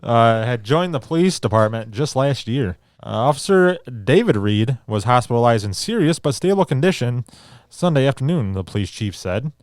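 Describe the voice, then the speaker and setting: A man's voice: medium pitch, animated, moderate pace, darkish tone, no room sound, studio quality. A man co-hosting a casual podcast, reading news articles aloud and riffing on them with sarcastic, profane asides. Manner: sarcastic, swearing, reads articles and riffs on them. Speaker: podcast co-host.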